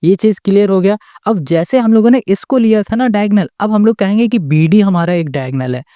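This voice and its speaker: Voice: mid-range voice, brisk, dark tone, dry recording, clean studio sound. A maths tutor giving a step-by-step lesson. The tutor keeps asking the class rhetorical questions and checks in with "okay?" after each step, patiently restating points.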